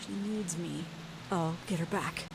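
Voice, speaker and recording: An actress playing a supportive, determined journalist in a dramatic video game. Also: female voice, fairly low pitch, measured pace, creaky, very noisy. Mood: firm, determined.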